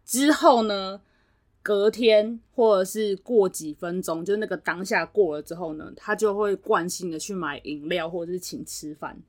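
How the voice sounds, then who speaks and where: A woman's voice: mid-range voice, normal speed. Woman telling a story animatedly. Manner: animated retelling, acts out quoted voices. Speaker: podcast co-host. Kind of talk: casual chat, storytelling.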